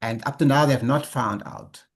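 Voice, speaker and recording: A man's voice: medium pitch, normal speed. A man, a doctor, answering audience questions in an online webinar, hesitant with many restarts, on a video call. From South Africa.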